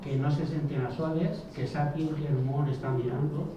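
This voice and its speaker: A man with a Valencian accent giving an informal testimony to an audience, speaking haltingly and often restarting his sentences. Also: a little high, steady tone, background noise. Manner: halting, with many restarts and repetitions. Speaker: speaker at a public event. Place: large hall. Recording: echoey hall, distant mic, dull sound.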